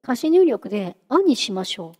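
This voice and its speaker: Chatty high-voiced woman explaining software. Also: very animated, moderate pace, long reverb tail. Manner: chatty, giggly, talks while clicking through a demo. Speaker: VTuber host teaching singing-synth software. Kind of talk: casual software tutorial.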